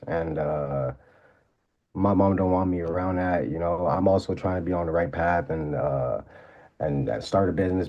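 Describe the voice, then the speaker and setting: A man's voice: low voice, lo-fi sound. A young man from Maryland, a guest rapper talking in a laid-back, slangy, rambling way with lots of fillers. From Maryland, USA. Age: young adult. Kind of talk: casual interview.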